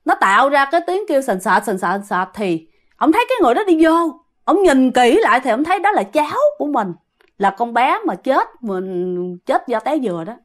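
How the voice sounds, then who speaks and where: A woman's voice: sits high, very animated, brisk. A woman with a Southern Vietnamese accent telling a ghost story casually, often addressing her listeners directly.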